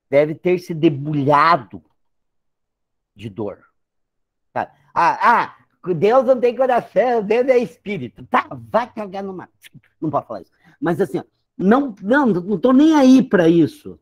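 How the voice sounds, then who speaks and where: A man's voice: high voice, big pitch swings, a little slow, long pauses, breathy edge. A man with a Brazilian Portuguese accent, a pastor giving an informal, joking sermon talk with conversational asides.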